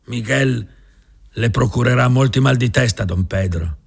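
A man's voice: mid-range voice, measured pace, creaky, slightly rough, voice pushed up. A man reading an audiobook voices a worried older ranch foreman who frets and sighs. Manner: worried, sighing.

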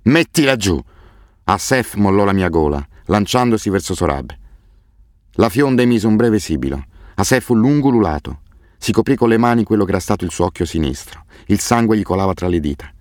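A man reading a first-person novel aloud as an audiobook narrator, in a grave, measured way. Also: on the low side, animated, darkish tone, no echo, clean studio sound. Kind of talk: scripted narration.

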